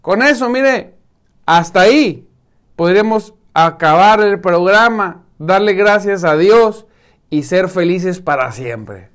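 High-voiced emphatic male preacher. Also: animated, slow. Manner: emphatic, repeats words and drops to soft intense tones. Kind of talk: sermon.

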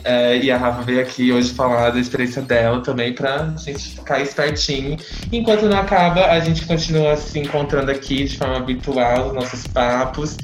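A man's voice: medium pitch, fairly even intonation, normal speed, hardly any pauses. A Brazilian man hosting a casual podcast chat, talking in a slangy, effusive way. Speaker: podcast host. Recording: roomy echo, faint music behind.

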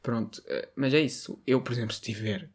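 A man's voice: mid-range voice, fairly even intonation, a little fast, slightly rough. A young man from northern Portugal co-hosting a casual podcast chat, rambling and correcting himself as he goes. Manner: rambling, self-correcting, laughs often. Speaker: podcast co-host.

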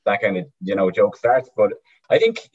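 Irish midlands male storyteller, husky and lowish, repeats himself as he chats, muffled lo-fi sound. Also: big pitch swings, moderate pace. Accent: Irish midlands, County Cavan. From County Cavan, Ireland. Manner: hesitant, repeats words, often tags with "right?". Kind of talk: conversational storytelling. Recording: dull lo-fi sound.

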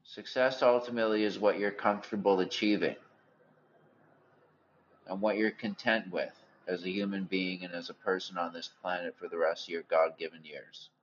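Low, gravelly smoker's voice, male. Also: fairly even intonation, moderate pace, highs cut off, a little hiss or hum. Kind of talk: rambling personal monologue.

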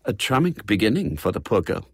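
A man voicing a cool, proud young countess with a sharp, cool way of speaking. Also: on the low side, sing-song, brisk, vocal fry, husky, no echo, studio quality, exaggerated voice.

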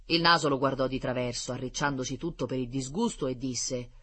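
A storyteller reading a children's fable aloud in an expressive, lively manner. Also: mid-range voice, brisk, slightly rough.

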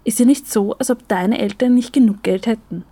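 A woman's voice: fairly high pitch, brisk, mellow, slightly rough, dry recording. A woman voicing a snippy, defensive young woman in an audio story. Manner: snippy, annoyed.

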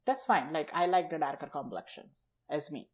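A Gujarati-speaking man with an Indian accent talks casually as a podcast guest, his voice a little high and his pace normal. He lists and explains things in short, loose chunks, often leaving sentences somewhat unfinished.

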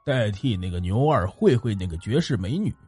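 A man voicing a stern older male Taoist master who speaks low and curt, with a husky voice in a dry recording. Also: very animated, normal speed, mellow, no echo, faint music behind. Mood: gruff, dry.

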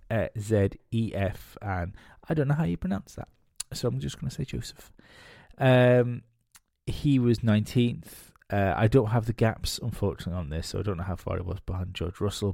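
A man's voice: mid-range voice, vocal fry, a little mellow, no echo, clean studio sound. A man hosting a solo podcast, talking casually with lots of fillers and restarts, nasal and sniffly from a cold. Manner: rambling, many fillers and restarts. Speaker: podcast host.

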